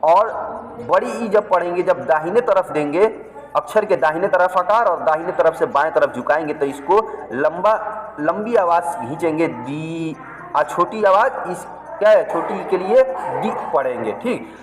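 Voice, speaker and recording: A man's voice: high voice, animated, moderate pace, in a large hall, low-quality recording. A man teaching a language lesson, patiently spelling out letters and repeating each word twice. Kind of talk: slow step-by-step script lesson.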